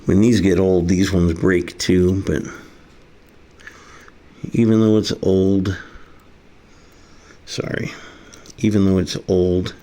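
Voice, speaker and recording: A man casually works through a hands-on repair demonstration, muttering to himself in a low, warm voice with a level tone. He speaks slowly and pauses often, over faint background noise.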